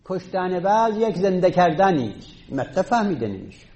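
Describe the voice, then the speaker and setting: A man's voice: high-pitched, big pitch swings, a little mellow. A man teaching a class, explaining step by step and counting items aloud. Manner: takes student questions. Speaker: teacher of Arabic rhetoric. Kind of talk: classroom lecture.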